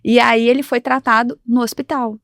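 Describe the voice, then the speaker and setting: A woman's voice: a little high, steady tone, normal speed, vocal fry, a bit bright, dry recording, clean studio sound. A woman guest on a podcast, speaking as an insurance advisor in casual conversation and telling stories that act out quoted dialogue. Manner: storytelling, acting out quoted dialogue. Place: podcast studio.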